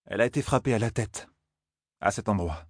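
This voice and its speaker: Cool composed sorceress lady, soft and quiet, a guy reading her in a storybook. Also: lively intonation, a little fast, no echo, clean studio sound. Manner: composed, cool, low-key. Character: calm, cold, commanding woman sorceress.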